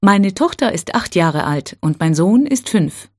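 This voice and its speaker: A woman teaching a language, reading set phrases one at a time in a slow, careful, clearly spaced way. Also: on the low side, very animated.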